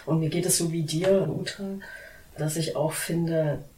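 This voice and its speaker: A woman's voice: low-pitched, fairly even intonation, measured pace, mellow. A woman in her fifties from Saxony talks hesitantly in a casual roundtable. She sounds distant from the mic in a roomy space, with faint noise behind her. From Saxony, Germany. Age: 50s. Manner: hesitant, with fillers. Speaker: discussion guest.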